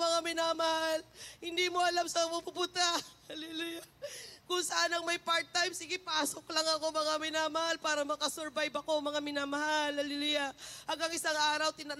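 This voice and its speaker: A woman gives an emotional testimony in church, speaking fervently and returning again and again to a tender phrase for her listeners. Her voice is high and bright, and she holds it to a fairly narrow, steady melody. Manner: fervent, repeats a refrain of endearment to the congregation. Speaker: church member giving testimony.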